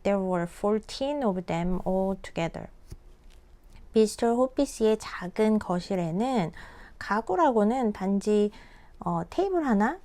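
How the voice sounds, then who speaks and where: Slow, mellow woman reading a storybook aloud. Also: medium pitch, lively intonation. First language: Korean. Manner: slow, careful, patient. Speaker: English reading teacher.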